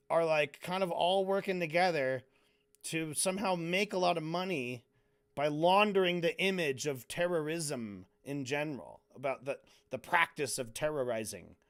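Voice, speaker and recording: A male streamer giving a casual, profane commentary. His voice sits fairly high and he talks slowly, with mocking asides. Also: a bit bright, clear, resonant tone.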